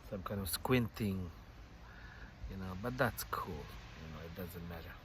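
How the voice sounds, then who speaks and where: An unhurried, low-voiced middle-aged man, a vlogger whose native language is Bosnian, offers a casual, reflective monologue from a lakeside bench. He rambles thoughtfully, leaning on "you know" and soft laughs, and the outdoor recording picks up traffic noise.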